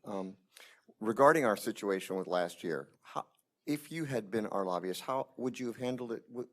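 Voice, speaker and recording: A man speaking as a city commissioner, asking questions courteously and haltingly, often repeating words. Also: fairly low pitch, animated, a bit bright. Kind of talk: questioning at a public meeting. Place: city council chamber.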